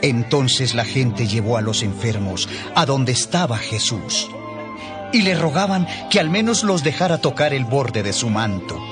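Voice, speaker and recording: A man narrating a Bible audiobook in a measured, expressive storytelling manner. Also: medium pitch. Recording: narration over background music.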